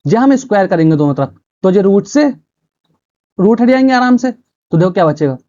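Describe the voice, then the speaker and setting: A man's voice: sits high, expressive, fairly quick, mellow. Man teaching math in a dull recording. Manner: explains step by step, asks and answers his own questions. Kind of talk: chalkboard math lesson.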